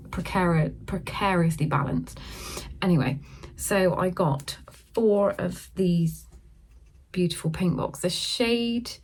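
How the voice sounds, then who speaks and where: A middle-aged woman chatting through a casual yarn haul, filmed on her phone at home and sometimes talking softly so a sleeping baby stays asleep. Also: lowish voice, takes it slowly, low-quality recording. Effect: filmed on a phone camera. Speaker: craft vlogger.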